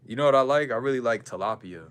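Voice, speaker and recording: Answering viewers on a laid-back livestream, an American man thinks aloud in slangy, chatty talk. His medium-pitched voice has lively intonation, a quick pace, and a fairly bright tone, with clear ambient background noise in the recording.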